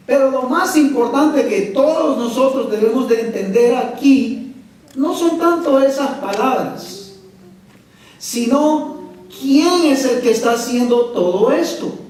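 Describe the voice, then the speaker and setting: A man's voice: very high voice, darkish tone. A man preaching a sermon as pastor, emphatic and often asking the congregation questions. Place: church sanctuary. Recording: echoey church hall from far off.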